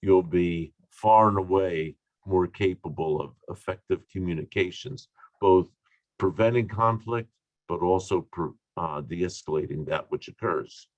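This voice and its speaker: A man giving an online training talk on communication, deliberate and emphatic, with asides and fillers, recorded over a video call. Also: sits low, a little mellow, dry recording, muffled recording.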